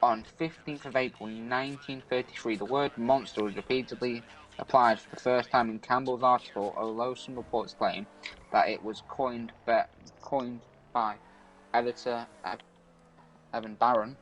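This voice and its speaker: Man reading aloud haltingly during gameplay. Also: medium pitch, steady tone, fairly bright tone, rough recording. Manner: halting reading with frequent stumbles and restarts. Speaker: podcast co-host. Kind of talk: reading urban legends aloud while playing a video game.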